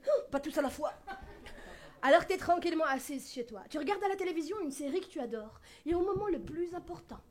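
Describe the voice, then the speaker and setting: A young woman performing stand-up comedy on stage, telling stories in a lively, teasing way and addressing the audience directly. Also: sits high, a little fast. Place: stage before a live audience.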